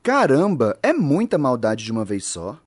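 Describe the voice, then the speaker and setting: A woman voicing a spirited, husky boy who leads a cartoon gang of young heroes. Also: rumbling low, wildly swooping pitch, normal speed, a little mellow, no room sound, studio quality, exaggerated voice.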